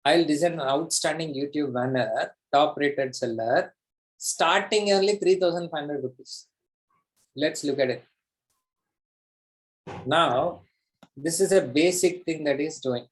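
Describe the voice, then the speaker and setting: A man with an Indian accent and a fairly high voice coaches a live online class. He speaks emphatically and pushes his listeners, often repeating a phrase to drive it home. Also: measured pace, long pauses, low-quality recording. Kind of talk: live interactive teaching, mixing English and Hindi.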